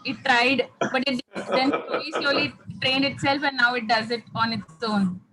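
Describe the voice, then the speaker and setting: A woman's voice: high-pitched, steady tone, moderate pace, bright, forceful tone, soft background music, poor audio. A woman from South India, a native Tamil speaker with a South Indian accent, answering casually as a participant in an online course.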